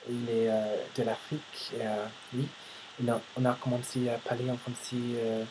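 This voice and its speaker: Halting American man, flat delivery, noisy recording. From United States. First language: English. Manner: halting, searching for words. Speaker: language learner vlogger. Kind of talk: casual spoken practice monologue. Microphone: computer microphone. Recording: noisy low-quality home recording.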